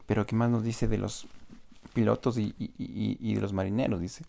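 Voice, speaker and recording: A man's voice: lowish voice, little pitch movement, normal speed, gravelly, dark tone. A man preaching a sermon, explaining scripture verse by verse and often tagging lines with a questioning "no?". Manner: explanatory, asks rhetorical "¿no?" often.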